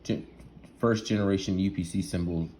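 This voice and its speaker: A man talking through an idea in a rambling, excitable monologue, full of restarts and asides, laughing at himself now and then. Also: low voice, normal speed, slight background noise. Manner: rambling, restarts often, lots of fillers and "right?". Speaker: solo vlogger.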